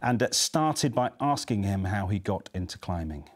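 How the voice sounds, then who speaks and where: A man's voice: lowish voice, animated. A man co-presenting the news in a TV studio, introducing the guest and asking questions in a conversational way. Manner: conversational, quick interjections.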